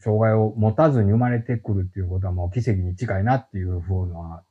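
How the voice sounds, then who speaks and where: A middle-aged man with a Kansai accent, chatting as a podcast guest and explaining his work in an animated, storytelling way. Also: fairly low pitch, fairly quick, slightly rough, lo-fi sound. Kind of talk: casual podcast chat.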